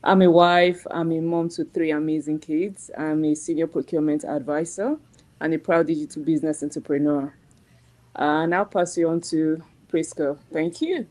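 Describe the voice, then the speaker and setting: A woman from Nigeria introduces herself on a live stream panel. Her voice is low for a woman, and her greeting is upbeat and friendly. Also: fairly even intonation, normal speed, a little mellow. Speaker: panel guest. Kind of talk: casual self-introduction.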